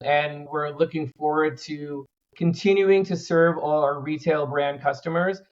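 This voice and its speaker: A man's voice: fairly high pitch, unhurried, highs cut off. A man who is a company cofounder and a guest on an interview podcast, adding his own points in an upbeat way.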